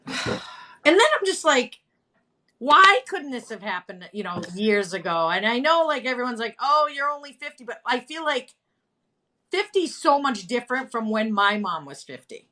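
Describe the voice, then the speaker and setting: A woman in her fifties chats candidly on a live stream. She is animated and talkative and often makes fun of herself. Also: fairly high pitch, moderate pace. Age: 50s. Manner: chatty, animated, candid, self-deprecating humor. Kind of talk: casual chat.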